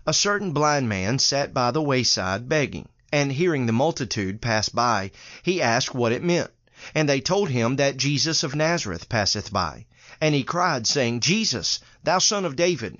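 A man reading scripture aloud in a steady, measured way. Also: medium pitch, dry recording. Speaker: Bible reader. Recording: dull lo-fi dry recording.

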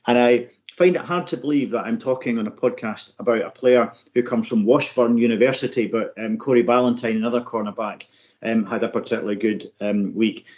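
A man hosting a sports podcast, talking off the cuff about the draft in halting, broken phrases full of ums. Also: mid-range voice, a little mellow. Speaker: podcast host. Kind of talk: unscripted American football draft commentary. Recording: slightly dull, lo-fi podcast audio.

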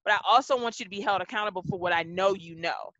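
Woman, podcast guest, bright forceful tone, measured reflective storytelling, dry muffled recording. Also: mid-range voice, no room sound. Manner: measured, reflective, often slows to stress points. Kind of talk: conversational interview storytelling. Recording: dull, dry lo-fi podcast audio.

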